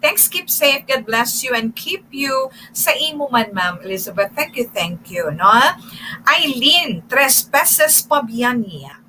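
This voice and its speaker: A woman with a Hiligaynon accent hosts a radio program, reading listeners' greetings in a chatty, meandering way. Her voice sits a little high and sounds bright and forward. A faint hum of noise stays under the studio recording. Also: big pitch swings, rough recording. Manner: chatty, reads names with pauses and fillers. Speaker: radio host.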